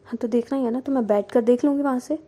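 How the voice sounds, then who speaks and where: A woman's voice: a little high, fairly even intonation, fast, dark tone, slight background noise, lightly acted. A woman doing a hot-tempered young teacher. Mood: irritated. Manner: snappy, scolding when angry.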